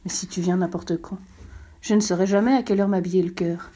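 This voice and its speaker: A woman voicing a wise, gentle fox in a storybook reading, calm and measured as it explains. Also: on the low side, husky. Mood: patient.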